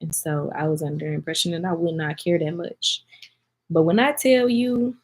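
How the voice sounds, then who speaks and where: A woman's voice: low-pitched, moderate pace, breathy edge, poor audio. A woman, talking heartfelt and teary-eyed to her viewers in a casual vlog chat. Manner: heartfelt, speaks directly to viewers as y'all. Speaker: vlogger answering viewer comments.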